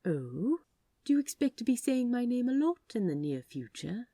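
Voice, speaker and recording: Woman voicing Aziraphale, a gently fussy mellow receptionist man. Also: on the high side, very animated, moderate pace, no room sound, studio quality, voice pushed up. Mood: warm, teasing. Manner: genteel, old-fashioned, prim phone courtesy. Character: polite, fussy, warmly flirtatious male office receptionist.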